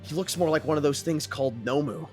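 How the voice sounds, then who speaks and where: A man's voice: on the high side, fast, soft background music, voice pushed up, lightly acted. A man doing an earnest young hero. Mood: sincere. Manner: earnest and sincere. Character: earnest young male hero, calm and sincere.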